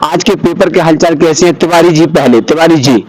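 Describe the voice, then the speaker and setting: High-pitched chatty male street interviewer. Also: a little fast, rough recording. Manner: chatty, jocular, repeats the answers back. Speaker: interviewer, host. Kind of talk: street interview of exam aspirants.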